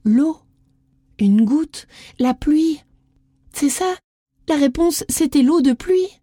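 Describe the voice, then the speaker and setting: A woman's voice: unhurried, no echo, clean studio sound. Woman doing an anxious young girl. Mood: excited. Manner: high, excited exclamations.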